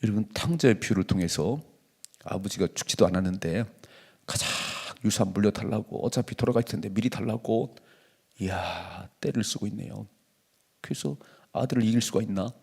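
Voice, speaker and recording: A man's voice: lowish voice, normal speed, gravelly, darkish tone, slightly rough. A male pastor preaching a dawn sermon in a colloquial, emphatic way, sometimes dropping to a whisper. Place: church sanctuary.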